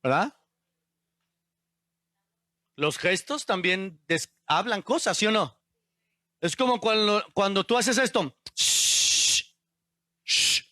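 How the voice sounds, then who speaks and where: A man's voice: sits high, animated, slow, long pauses, bright, forceful tone, no room sound, clean studio sound. A male pastor preaching a sermon and asking the congregation questions. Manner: asks the congregation questions, call-and-response.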